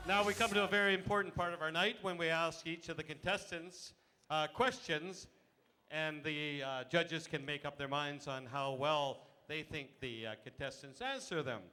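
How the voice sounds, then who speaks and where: A man's voice: fairly high pitch, normal speed, sharp tone. A man hosting a pageant, announcing contestants and putting questions to them on stage in an echoey hall with an audience. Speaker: pageant host.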